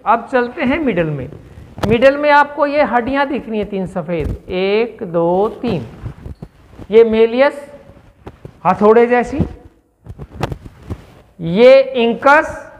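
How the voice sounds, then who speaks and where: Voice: medium pitch, big-room sound, slight background noise. A teacher giving a step-by-step classroom science explanation and checking in with listeners through questions.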